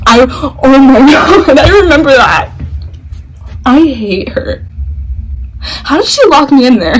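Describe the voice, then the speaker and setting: A woman's voice: high voice, lively intonation, slow pace, slight background noise, poor audio. A young woman chatting casually with friends, giggly and dramatic, full of exclamations. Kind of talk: casual chat.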